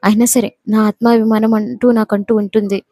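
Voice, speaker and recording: Woman reading a wronged young wife, angry and defiant, mellow steady voice, dry sound, storybook. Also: medium pitch, brisk, dry recording, close to an everyday voice. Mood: angry defiance.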